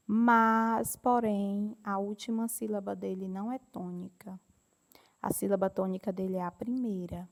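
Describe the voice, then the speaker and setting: A woman whose first language is Portuguese teaches English in a classroom grammar lesson, explaining slowly and patiently with repeated examples. Her medium-pitched voice is a little mellow, with a gravelly edge.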